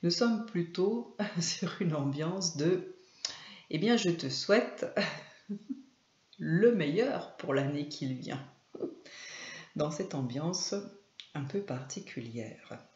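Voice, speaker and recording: A woman hosting a casual video about films, talking hesitantly with frequent fillers and pauses. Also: low-pitched, animated, darkish tone. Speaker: video host and trainer. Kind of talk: casual film commentary to camera. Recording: echoey room, slightly dull sound.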